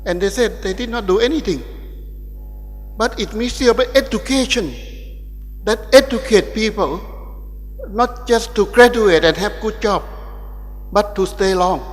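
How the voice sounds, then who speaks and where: A man from Thailand with a Thai accent, giving a keynote lecture at a university ceremony in a halting way, with many restarts. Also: high voice, big-room sound. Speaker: guest lecturer. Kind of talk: academic keynote speech. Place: large ceremonial hall.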